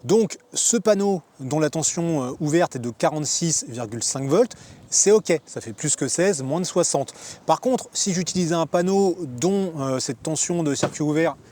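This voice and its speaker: A man's voice: a little high, dark tone. A man hosting a casual explainer vlog, chatty and joking, with lots of fillers. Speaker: van life vlogger.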